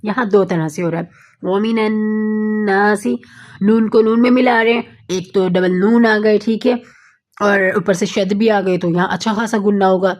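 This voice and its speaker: Patient woman, Quran recitation teacher, mid-pitched voice, slows down to recite the Arabic examples. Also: a little mellow. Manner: patient, repeats points with frequent checking fillers. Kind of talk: online tajweed lesson.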